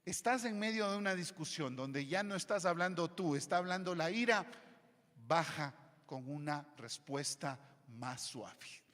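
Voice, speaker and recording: A male pastor preaching a sermon, switching between loud emphatic lines and quiet low asides. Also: expressive, unhurried. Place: church hall. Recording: long church hall reverb.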